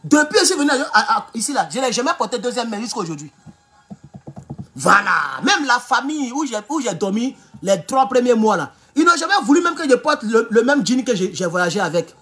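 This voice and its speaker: Ivorian guy going off on a live stream from his house, loud, teasing, rambly, no mic just the phone. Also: extremely high pitch, big pitch swings, brisk, soft background music. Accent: Ivorian French. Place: at home. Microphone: phone without external mic.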